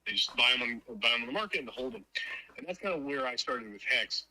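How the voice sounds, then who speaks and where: A man with a strikingly bright, sharp-edged voice at a middle pitch. He chats casually as a guest, rambling and leaning on fillers as he works through his thoughts. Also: lively intonation, fast talker, low-quality recording. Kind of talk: casual interview chat.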